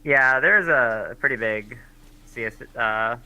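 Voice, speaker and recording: A man's voice: medium pitch, takes it slowly, bright, forceful tone, clear, resonant tone, poor audio. A man giving casual, hesitant color commentary on a live esports match, with lots of fillers.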